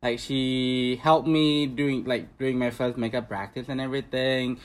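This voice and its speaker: A man's voice: mid-range voice, fairly even intonation, unhurried. A young man from Vietnam who performs drag, speaking as a guest in casual chat, joking and loose with lots of fillers.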